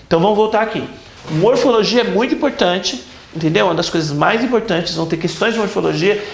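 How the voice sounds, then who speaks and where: Casting: high, gravelly male teacher lecturing in an echoey classroom, insistent and repetitive. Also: quick pace, slight background noise. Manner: emphatic, repeats key points with rhetorical checks. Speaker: grammar teacher.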